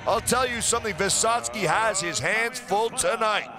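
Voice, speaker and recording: A man's voice: sits high, moderate pace, over music. A man calling televised fight play-by-play in an emphatic, polished, dramatic way. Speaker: play-by-play commentator.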